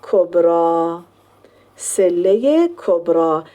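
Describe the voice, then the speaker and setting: A woman teaching a Quran recitation lesson, explaining step by step and drawing out the sample words slowly. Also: on the low side, animated, warm tone.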